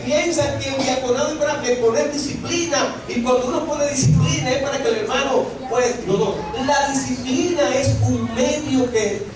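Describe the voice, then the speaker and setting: High-voiced male preacher in echoey hall. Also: moderate pace, few pauses, a crowd in the background. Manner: asks rhetorical questions and answers them himself; reads scripture aloud. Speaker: pastor. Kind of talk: sermon. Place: church sanctuary. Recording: very echoey hall, distant mic.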